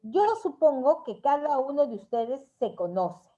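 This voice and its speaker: A woman's voice: sits high, expressive, a little slow, mellow. A woman leading a parenting workshop, lecturing in a conversational way and acting out examples in quoted voices. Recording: dull lo-fi recording.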